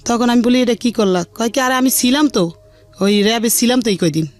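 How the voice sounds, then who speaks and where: Brisk and a little high-voiced, a middle-aged radio guest with a colloquial Dhaka Bengali accent tells her life story in candid conversation. She acts out people's lines in an earthy, unpolished retelling, with music underneath.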